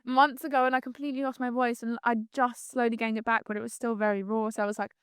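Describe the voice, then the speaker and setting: A woman in her 20s talks reflectively as a guest in a casual conversational podcast interview, chatty and full of "like"s and "you know"s. Her fairly high voice is level and clean, and she talks fast. The clean studio recording has no room sound.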